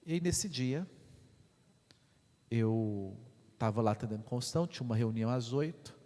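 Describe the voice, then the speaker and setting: Priest preaching, mid-pitched man, tells it like a story, goes soft then loud, long church echo. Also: moderate pace. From Brazil. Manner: animated storyteller, swings from hushed to loud. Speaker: parish priest. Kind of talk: sermon storytelling. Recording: echoey church with long reverb.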